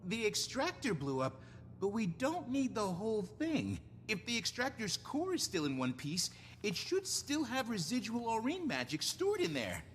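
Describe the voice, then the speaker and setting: An eager, excitable engineer sleuth, whose pitch swings widely. The game dialogue rings with long reverb over faint noise. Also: female voice, moderate pace. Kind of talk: video game voice acting.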